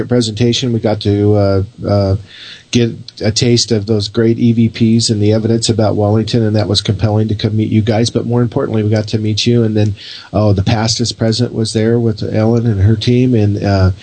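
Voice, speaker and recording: Low-voiced man rambling as a radio guest. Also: warm tone, low-quality recording. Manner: rambling, halting, searching for words. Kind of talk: casual interview chat.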